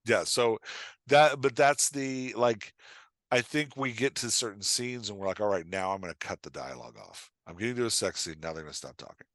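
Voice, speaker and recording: On a podcast, a writing coach talks casually with a fairly low, lively voice that's a bit bright and fairly quick. He hammers his points home, acts out imagined lines, and keeps checking in with "right?". The studio-quality recording has no echo.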